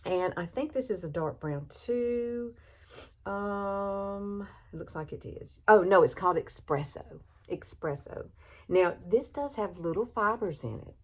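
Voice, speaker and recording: This sixty-something beauty vlogger has a medium-pitched voice with lively intonation and an unhurried pace. Talking in a Southern US accent, she chats folksily and laughs a lot while demonstrating makeup. She records in her bedroom using only her phone camera, without an external microphone.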